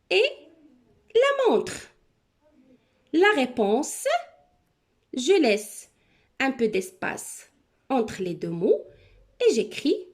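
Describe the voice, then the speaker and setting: A woman teacher giving a recorded handwriting lesson to young children, explaining each step slowly and checking in often. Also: high voice, a little mellow. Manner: slow, step-by-step instructions with frequent check-ins. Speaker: primary school teacher. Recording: echoey room.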